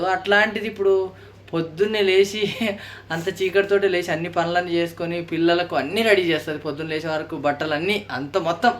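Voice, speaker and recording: Vlogging man, coaxing and soft, slightly raised voice, light background noise. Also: high voice. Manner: coaxing, gently consoling. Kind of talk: casual family vlog chat.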